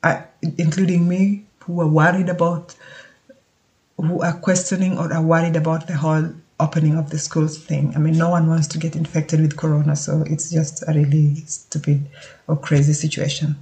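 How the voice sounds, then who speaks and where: A speaker from Kenya, giving a casual spoken update in a halting, thoughtful way and often pausing to search for words. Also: mid-range voice, flat delivery, darkish tone.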